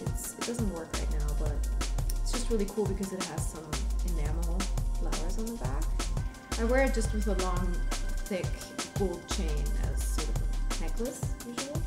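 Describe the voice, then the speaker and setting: On the low side but with lively intonation, her delivery moves at a moderate pace. The young fashion blogger from Munich shows off her wardrobe in a casual interview, eagerly describing her clothes with many a "like" and "you know," in an echoey room with music in the background.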